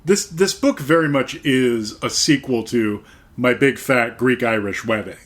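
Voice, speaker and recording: A man's voice: mid-range voice, a little slow, fairly bright tone. A man co-hosting a casual podcast chat with dry, wry humor. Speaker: podcast co-host.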